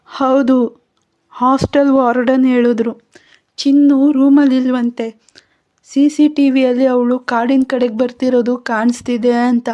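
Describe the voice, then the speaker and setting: A woman's voice: fairly high pitch, fairly even intonation, moderate pace, warm tone, lo-fi sound, voice pushed up, close to an everyday voice. A woman voicing a frightened young woman worried for her younger sister, pleading and anxious in a storybook reading. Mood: distressed.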